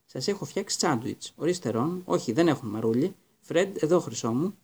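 A man's voice: fairly high pitch, lively intonation, a little mellow, husky. A man voicing a fussing, motherly witch who calls out in a hurry. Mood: doting. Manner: hurried, calling out. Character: fussing motherly witch, warm but bossy.

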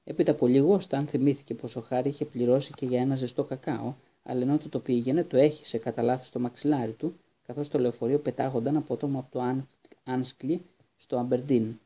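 Man reading audiobook with gravelly dark voice. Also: mid-range voice. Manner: steady reading with occasional restarts. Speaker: audiobook reader. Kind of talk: audiobook narration.

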